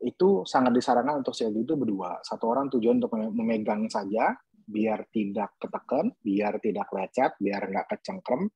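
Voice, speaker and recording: A man's voice: on the low side, expressive, moderate pace, warm tone, breathy edge, dry recording, muffled recording. A man who is a pediatric dentist, giving an earnest webinar talk to parents and posing emphatic rhetorical questions.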